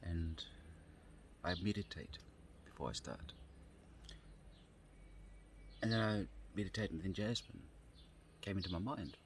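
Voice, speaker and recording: A man sitting outdoors on the grass, telling a personal story in a halting way, often repeating and restarting phrases. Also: sits low, slight background noise. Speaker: vlogger.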